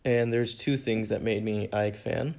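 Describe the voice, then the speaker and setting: A man's voice: lowish voice, fairly even intonation, measured pace, creaky, darkish tone. A young man from America hosting a solo podcast, answering fan questions in an earnest, rambling way that repeats itself. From United States. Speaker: podcast host.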